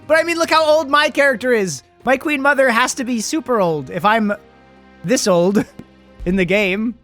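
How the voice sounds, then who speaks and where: A man giving casual, animated playthrough commentary, thinking aloud as he plays and reads out game text. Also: very high-pitched, measured pace, faint music behind.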